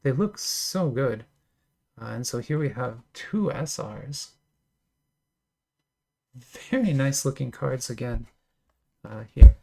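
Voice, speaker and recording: A man with a gravelly, fry-edged voice at an ordinary pitch chats casually as he opens card packs. He sounds enthusiastic and talks in loose, filler-filled runs broken by small laughs. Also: lively intonation, takes it slowly, pauses often, mellow. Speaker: card collector opening packs. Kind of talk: casual unboxing commentary.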